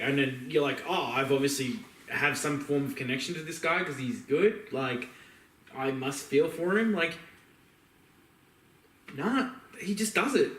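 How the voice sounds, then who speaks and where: This man co-hosts a podcast, rambling emphatically and swearing as he casually gives his views on films. His voice is on the high side and a bit bright, recorded from a distance with a roomy echo.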